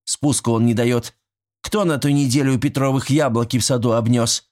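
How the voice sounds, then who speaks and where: A man voicing a strict, brisk young village medic woman who scolds in a stern way. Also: mid-range voice, fairly even intonation, a little mellow, pitched above the performer's own voice, close to an everyday voice.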